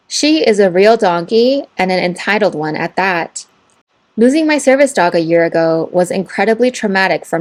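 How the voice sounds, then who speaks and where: A woman narrator reads online posts and their comments aloud at an even, measured pace. Her voice sits at a middle pitch, neither high nor low. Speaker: story narrator.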